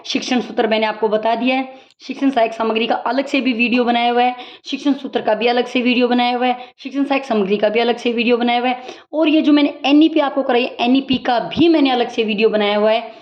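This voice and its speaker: A woman teacher giving a brisk exam-prep recap lecture, explaining points with everyday examples. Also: on the high side, fairly even intonation. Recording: dull lo-fi audio.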